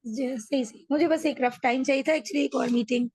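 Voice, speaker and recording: Polite woman with a high voice. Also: fairly even intonation, brisk, darkish tone, husky, no room sound. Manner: polite, brief questions.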